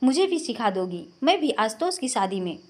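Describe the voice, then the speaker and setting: A woman's voice: fairly high pitch, sing-song, moderate pace. A woman voicing a chatty, boastful middle-aged aunt.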